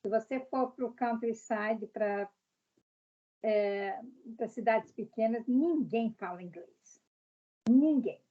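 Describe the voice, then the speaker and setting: A woman's voice: a little high, takes it slowly, mellow, dull audio. A woman from Brazil, a guest in a casual interview, speaking directly and explaining her views with examples.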